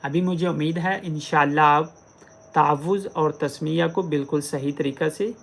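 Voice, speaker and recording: A man's voice: a little high, steady tone, vocal fry. A man teaching Quran pronunciation, explaining patiently and drawing out recited words syllable by syllable. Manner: drawn-out, syllable-by-syllable recitation of examples. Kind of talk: tajweed pronunciation lesson.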